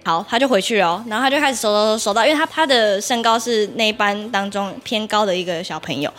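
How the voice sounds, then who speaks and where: A woman dance teacher, telling stories on a podcast in an animated, laughing way. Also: medium pitch, quick pace, faint music behind. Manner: animated, laughing retelling with playful repetition. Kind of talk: podcast storytelling.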